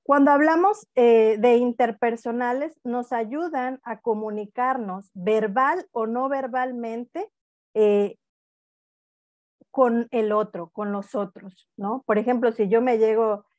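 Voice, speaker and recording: A woman lectures over a video call. Her voice sits a little high, and the sound is dry and close. She explains patiently and keeps checking in with her listeners. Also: takes it slowly, a little mellow, no room sound. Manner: explanatory, asks frequent tag questions. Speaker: speaker at a university talk. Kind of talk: online lecture.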